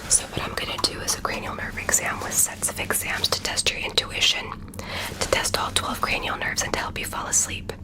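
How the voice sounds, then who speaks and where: A woman whispering soothing, deliberate instructions as a doctor in an ASMR roleplay. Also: poor audio.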